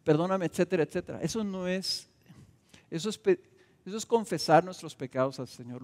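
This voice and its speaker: A man's voice: a little high, a little mellow. Man, pastor, sermon, emphatic rhetorical delivery, long reverb of a church hall. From Mexico. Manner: preaching with emphatic bursts and rhetorical questions. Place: church sanctuary.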